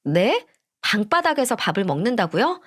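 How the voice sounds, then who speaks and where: A woman voicing a snobbish, rude young woman who is a son's fiancée, in a storybook reading, sweet on the surface and sharp underneath. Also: medium pitch, sing-song, moderate pace. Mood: haughty. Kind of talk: storybook voice acting.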